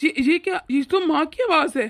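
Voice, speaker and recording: A woman voicing a young husband and caring son in a cartoon, gentle and eager to please. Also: high voice, moderate pace. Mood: worried. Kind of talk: animated cartoon voice acting.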